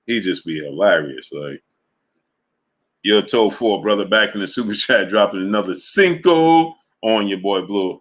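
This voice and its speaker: A man hosting a sports live stream, chatting casually, reading out super chats and retelling stories with lots of laughter. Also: low voice. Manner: animated storytelling, reads super chats, laughs often. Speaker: sports channel host.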